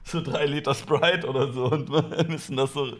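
A man's voice: medium pitch, fairly even intonation, normal speed. A young man streaming his reaction to a talk show clip, sarcastic and swearing casually, often breaking into laughter. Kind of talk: mocking live-stream commentary.

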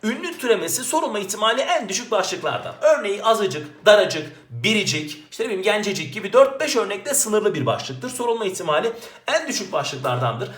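A man working through exam grammar questions as a teacher, asking questions and answering them himself in a lively way. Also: high-pitched, fairly quick. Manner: lively, talks to himself, asks and answers his own questions. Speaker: Turkish language teacher. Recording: roomy echo.

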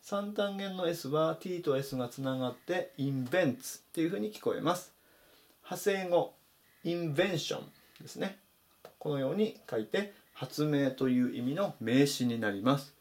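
A man teaching English vocabulary in Japanese, saying each word slowly and clearly in a voice-over lesson. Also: fairly high pitch, animated. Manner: slow, careful spelled-out pronunciation of English words.

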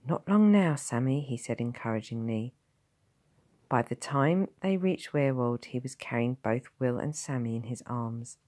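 A woman's voice: a bass voice, a little mellow. A woman teacher reading a novel aloud, narrating expressively and voicing each character. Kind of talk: storybook narration.

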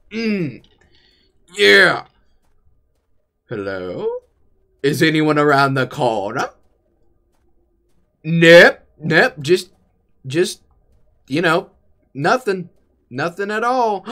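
A man's voice: medium pitch, fairly bright tone. A young man giving casual, jokey commentary as he plays a horror game, often repeating himself in a mock-dramatic way. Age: young adult. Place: indoor room.

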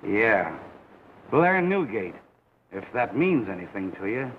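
A man's voice: fairly low pitch, very animated, slow, phone-quality sound. Surly middle-aged American male ex-con showman, slangy, on a thin, hissy old film soundtrack. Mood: wary, gruff. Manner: blunt, slangy, scornful. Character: surly, tough sideshow owner and ex-convict. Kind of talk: 1930s crime film acting.

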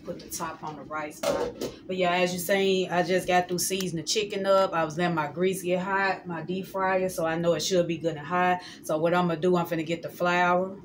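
A woman's voice: on the low side, fairly quick. A woman, chatting casually to viewers as she cooks in her home kitchen. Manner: relaxed, chatty, addresses viewers as y'all. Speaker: cooking vlogger. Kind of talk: casual cooking vlog narration. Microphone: phone camera held close or set on counter. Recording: noisy home kitchen phone recording.

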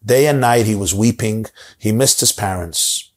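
A man's voice: fairly low pitch, normal speed. A middle-aged man telling a story in a dramatic, repetitive way, recorded with a lapel mic in a study lined with bookshelves. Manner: dramatic, repetitive, gesturing broadly. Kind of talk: animated storytelling.

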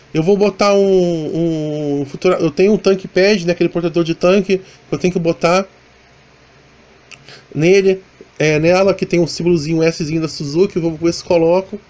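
High-voiced chatty Rio motovlogger. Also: male voice, a little mellow. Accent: Rio de Janeiro Portuguese. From Brazil. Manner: rambling, chatty, many restarts and fillers. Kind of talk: casual voice-over narration. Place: voice-over, not recorded on the ride.

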